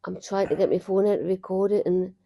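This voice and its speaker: A woman's voice: mid-range voice, steady tone, fast talker, creaky, lo-fi sound. A woman casually telling her partner an anecdote about their night, sometimes acting out what was said.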